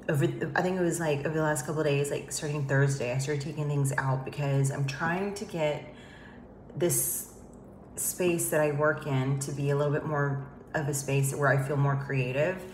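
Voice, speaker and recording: In an echoey, emptied home office, a woman with a low-sitting voice chats to camera at normal speed with fairly even intonation. Congested from a head cold, she rambles with plenty of fillers, and there's a little hiss or hum on the recording.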